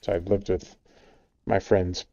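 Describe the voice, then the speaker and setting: A man chatting casually on a stream, telling a relaxed story with fillers. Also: low voice, measured pace, creaky, highs cut off. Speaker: stream guest. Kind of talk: casual chat.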